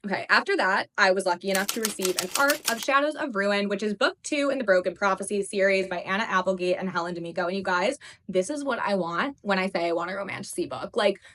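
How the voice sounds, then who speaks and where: A young woman in her twenties gushing over books in a casual reading vlog, talking quickly and full of "like" fillers. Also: medium pitch, lively intonation, sharp tone. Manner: gushing, fast, lots of "like" fillers. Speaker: book reviewer. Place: her apartment, indoors.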